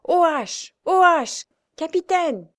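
A pale, shaken male ship's doctor cries out in alarm, his voice jumping very high, as a woman reads him aloud. Every word comes out strained and urgent. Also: lively intonation, slow, exaggerated voice. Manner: crying out in alarm.

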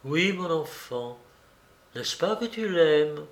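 A man's voice: fairly high pitch, expressive, slow pace, voice pushed up. A man voicing a desperate, tearful estranged wife who pleads theatrically in an audiobook reading. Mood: imploring. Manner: pleading, theatrical, sobbing outbursts. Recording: roomy echo.

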